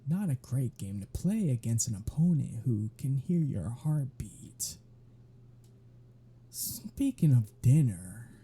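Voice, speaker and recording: For an intimate ASMR roleplay, a man plays a wry, protective male vampire in a full character voice, mid-range in pitch. His delivery is unhurried and softly raspy, laced with dry, flirtatious banter.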